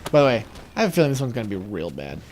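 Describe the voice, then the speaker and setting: A man's voice: mid-range voice, big pitch swings, racing, darkish tone. A man doing casual let's play commentary and reading game text aloud, with noisy game sounds behind him. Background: game sound effects, artillery fire.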